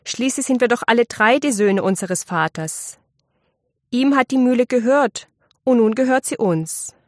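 A wronged young miller's son, as a woman puts him on, with a raised, somewhat high voice and quick, protesting speech. He pleads and complains in a plain, dry read with no room around it. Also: lively intonation, no echo, close to an everyday voice. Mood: pleading.

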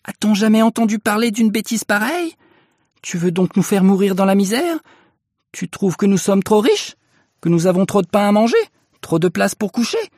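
A man voicing a middle-aged bargeman's wife who scolds her husband in a shrill, harsh voice, in a storybook reading. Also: animated, normal speed, darkish tone, no room sound, clean studio sound. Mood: furious. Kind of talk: audiobook character voice.

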